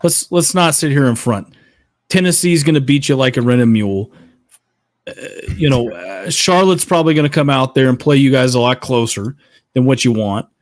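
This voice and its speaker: Animated man calling scores, dry sound. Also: medium pitch, normal speed, no room sound. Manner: animated, reads out scores and viewer comments. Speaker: co-host. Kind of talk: live sports reaction commentary.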